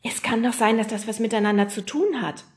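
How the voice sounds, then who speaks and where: A woman's voice: fairly high pitch, fairly quick, voice pushed up, lightly acted. Woman doing a dry, earnest young boy. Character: level-headed young boy, dry and thoughtful.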